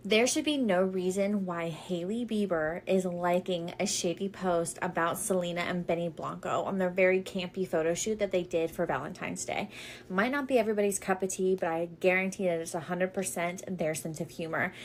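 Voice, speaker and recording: A woman's voice: fairly low pitch, normal speed, a little hiss or hum. A woman giving casual opinion commentary in a catty, scolding and emphatic way.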